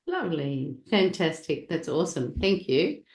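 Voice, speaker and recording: A woman hosts an interview in an effusive, gushing way. Her voice sits on the low side. The room around her is noticeably echoey. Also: big pitch swings, normal speed, vocal fry, darkish tone. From Australia. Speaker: podcast host and natural health practitioner. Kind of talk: interview hosting.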